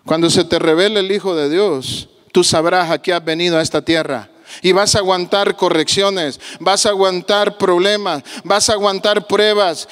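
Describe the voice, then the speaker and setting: A male pastor with a Guatemalan accent preaching a sermon emphatically, moving between low, confiding tones and raised exclamations, and acting out the voices of the people he quotes. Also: a bit bright, clear, resonant tone, in a large hall. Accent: Guatemalan Spanish. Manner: acts out quoted voices of the people he tells about.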